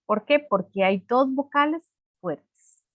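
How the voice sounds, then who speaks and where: A woman's voice: sits high, animated, slow, dry recording, phone-quality sound. A woman teacher giving a class, patiently explaining and checking in with "¿verdad?" often. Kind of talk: online class lesson.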